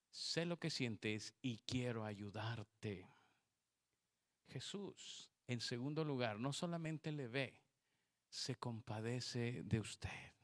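A man preaching a sermon, swinging from soft, low storytelling to loud, emphatic declarations. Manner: tells a personal story with quoted dialogue.

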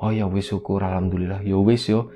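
A man voicing a calm, kindly old village grandfather spirit, speaking softly in a horror story. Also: low voice, a little fast, slight background noise, lightly acted. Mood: gentle. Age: over 60.

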